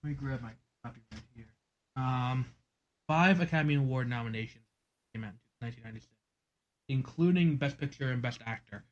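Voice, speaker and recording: A man's voice: mid-range voice, a little fast, lo-fi sound. Man, podcast co-host, casual chat, rambling, filler-heavy. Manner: rambling, lots of ums, easily exasperated.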